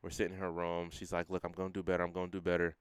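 A young man sharing a personal testimony in a casual interview, earnest and full of everyday slang, quoting himself in a quieter voice. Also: low voice, completely flat delivery, racing, clear, resonant tone, dry recording, clean studio sound. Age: young adult. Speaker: guest sharing his testimony.

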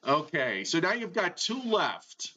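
A man co-hosts over a bad remote connection that breaks up, his muffled, lo-fi voice arriving with lag. He talks slowly and with a lively swing in pitch, bright in tone. He teases as he quizzes and often stops to restart a sentence. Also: a little hiss or hum. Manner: teasing quizmaster, halting with many restarts. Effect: bad connection, breaking up with delay. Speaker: co-host. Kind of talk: casual on-air chat, running a guessing game.

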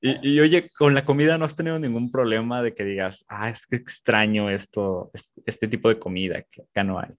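A man with a Mexican accent, interviewing a guest in relaxed conversation and laughing along. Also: mid-range voice, a little fast, hardly any pauses, no echo. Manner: relaxed, laughs along, asks open questions.

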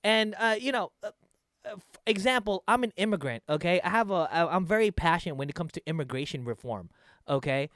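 A man's voice: high-pitched, lively intonation, fairly quick, fairly bright tone, no echo, studio quality. A man hosting a casual talk show, speaking in an emphatic, sweary way. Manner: emphatic, profane.

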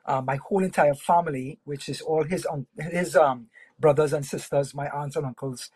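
A man from Trinidad and Tobago, a sports broadcaster, talks easily as a guest, unhurried and amiable. His voice sits a bit high with a husky, breathy edge. The sound is dry and close. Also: no echo. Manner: relaxed, friendly, with fillers and pauses. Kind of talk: casual interview chat.

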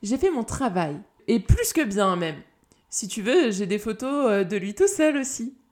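A cheeky young woman in an audiobook, teasing and playful, with a somewhat raised pitch, as a woman reader plays her. She sounds sly and amused, like she's bargaining. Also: very animated, unhurried, a little mellow.

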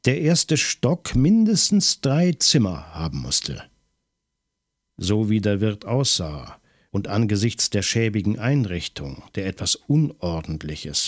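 A man narrating a crime audiobook in a measured, tense storytelling manner. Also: fairly low pitch, slightly rough, dry recording, clean studio sound.

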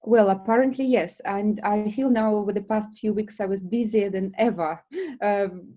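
A woman with a soft-edged, mellow tone and a Belarusian accent answers questions in a casual interview. English is not her first language, and her phrasing is hesitant, with frequent small pauses. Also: medium pitch, steady tone. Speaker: interview guest, lash business founder.

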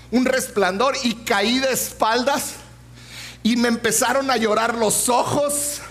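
A man, preaching a sermon and telling a funny personal story. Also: very high-pitched. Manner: humorous, animated storytelling.

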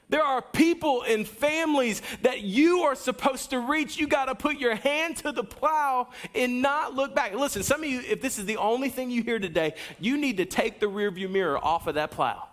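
A man giving a sermon as a pastor, preaching energetically with wide swings in pitch and loudness and talking straight to the congregation. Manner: addresses the congregation directly, with asides and a coaching tone.

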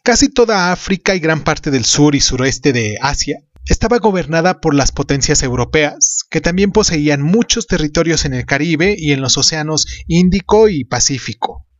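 A man's voice: fairly high pitch, animated, moderate pace, hardly any pauses, no room sound, muffled recording. A man hosting a podcast, reading scripted history narration. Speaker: podcast host.

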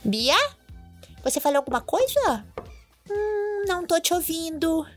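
A woman's voice: expressive, a little slow, faint music behind. Woman clown doing a comedy podcast, bossy and silly, voice swoops up and down a lot. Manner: playful, theatrical and bossy, with sudden high squeals. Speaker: podcast host.

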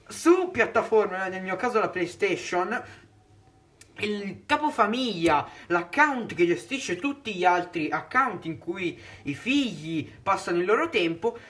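A man's voice: high-pitched, lively intonation, a little slow, fairly bright tone. A man co-hosting a podcast, explaining his topic in a methodical way. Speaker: podcast co-host. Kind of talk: podcast discussion.

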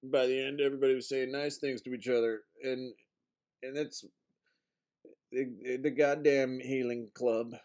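A man's voice: medium pitch, fairly even intonation, a little slow, a little mellow. A man hosting a podcast, rambling casually in a self-deprecating, profane way. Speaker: podcast host.

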